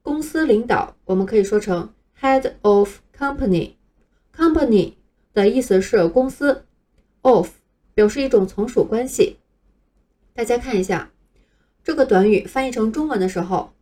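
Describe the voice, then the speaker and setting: A woman's voice: medium pitch, mellow. Patient woman teaching English basics. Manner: patient, slow, spells words letter by letter. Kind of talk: scripted lesson for beginners.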